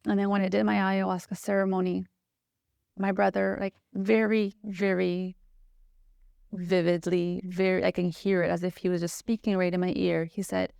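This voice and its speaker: A woman's voice: lowish voice, little pitch movement, normal speed, gravelly, darkish tone, smooth, no room sound, clean studio sound. A woman guest on a podcast, earnestly telling a personal story with lots of "like" and "you know". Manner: earnest, searching, heavy use of "like" and "you know".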